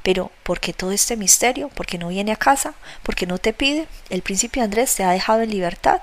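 A woman's voice: mid-range voice, expressive, brisk, natural voice. A woman voicing a worried young woman who questions and reproaches her cousin, read from a novel. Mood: anxious.

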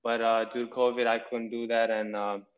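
A man's voice: medium pitch, flat delivery, moderate pace. Young man, rambling, on a dull line. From Nepal. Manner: meandering, easygoing storytelling. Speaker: podcast guest. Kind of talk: casual interview chat.

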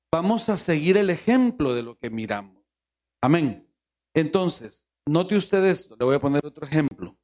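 In a sermon with prayer, a pastor from Honduras speaking with a Honduran Spanish accent pleads, repeating "Señor" again and again, then preaches with rhetorical questions to the congregation. His voice is on the high side with a darkish tone.

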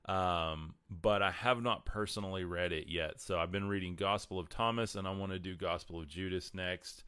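A man's voice: sits low, fairly even intonation, normal speed, a bit bright, clean tone, no room sound. A man with a twangy West Texas accent, talking casually as a livestream host and answering viewers.

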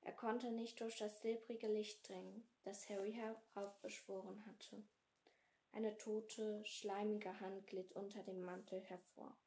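A woman reads a fantasy book aloud, taking her time and keeping her voice hushed and low-key. Her tone is dark and mellow, with a slow, deliberate pace. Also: flat delivery. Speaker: podcast host reading aloud. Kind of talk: slow dramatic read-aloud.

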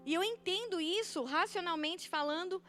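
A Brazilian woman with a high voice tells a personal testimony. Her delivery is animated and chatty, and she often checks in with "né?". Her tone is bright and forceful, and faint music plays quietly behind her. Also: normal speed. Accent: Brazilian Portuguese. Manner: animated, acts out quoted voices, frequent "né?". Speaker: church member giving a testimony. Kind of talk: personal storytelling.

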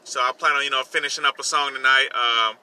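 This is casual solo car chat: a man driving and hosting his personal podcast segment, slangy and repetitive, who also writes songs. His medium-pitched voice is bright and forceful, steady in tone but fast. Faint vehicle noise runs underneath.

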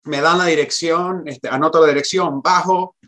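A man telling a personal anecdote in conversation, animated, acting out quoted dialogue and often restarting his sentences. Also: a little high, moderate pace. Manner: animated storyteller who acts out quoted dialogue, frequent restarts.

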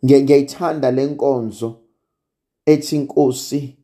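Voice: mid-range voice, fairly even intonation, slow, dark tone. A preacher with a Zulu South African accent giving a sermon in repetitive, rhetorical phrases. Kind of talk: sermon with prayer quotations and testimony.

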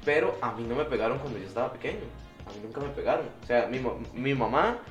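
A man's voice: mid-range voice, animated, fast talker, highs cut off, faint music behind. Hesitant man, echoey room. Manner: hesitant, many restarts. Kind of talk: casual conversation.

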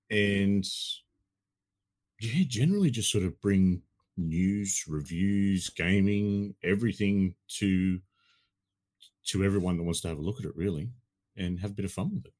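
A middle-aged Australian man, himself a gaming podcast host, chats casually as a podcast guest in a laid-back, blokey, matey way. His voice is lowish and a little mellow.

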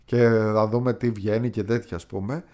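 A man's voice: fairly low pitch, fairly even intonation, darkish tone. Rambling male podcast co-host. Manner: rambling, filler-heavy storytelling. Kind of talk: casual chat.

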